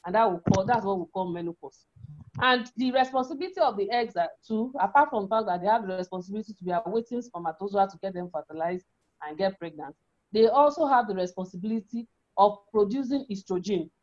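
A woman's voice: medium pitch, quick pace, a little mellow. A woman with a feminine voice giving an explanatory health talk as an educator, often repeating and rephrasing her points. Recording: dull, lo-fi sound.

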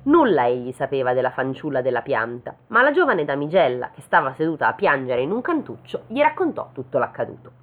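A deep-voiced, very animated woman reads a fairy tale aloud at a slow pace, pausing to toss in joking comments. It's a casual, chatty read-aloud, recorded with a tinny, phone-like sound.

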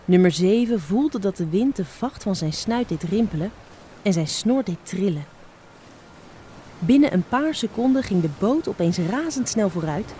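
A woman narrating a children's fable with a lively, expressive reading. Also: mid-range voice, slight background noise. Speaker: storyteller.

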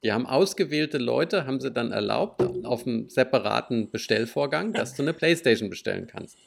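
A man's voice: mid-range voice, animated, a little fast, vocal fry. A man chatting casually, swearing now and then when annoyed. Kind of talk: casual chat.

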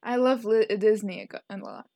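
A woman's voice: medium pitch, a little fast, creaky, no echo, muffled recording. A woman in her twenties co-hosting a podcast in casual chat, with dry, blunt asides. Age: 20s. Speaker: podcast co-host.

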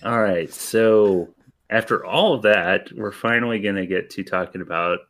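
A man hosting a casual gaming podcast, talking in a laid-back way with lots of ums and pauses. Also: fairly low pitch, a bit bright. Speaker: podcast host.

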